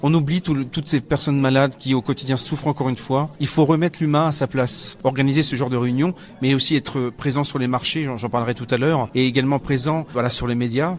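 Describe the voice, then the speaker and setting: A man in his thirties speaking for an association, answering interview questions earnestly with halting fillers. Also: mid-range voice, steady tone. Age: 30s. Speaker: association representative.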